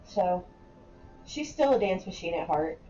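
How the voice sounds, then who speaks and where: Slow, mellow-voiced woman gamer. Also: lowish voice, lively intonation, reverberant, lo-fi sound, faint music behind. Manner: chatty, wry asides. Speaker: gaming channel host. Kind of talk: casual let's-play commentary.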